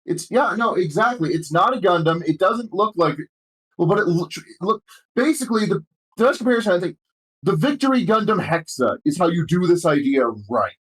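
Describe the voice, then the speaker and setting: A man's voice: sits high, lively intonation, a little fast, a bit bright, husky, low-quality recording. A man chatting as a podcast guest, often restarting sentences and swearing casually. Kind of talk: casual chat.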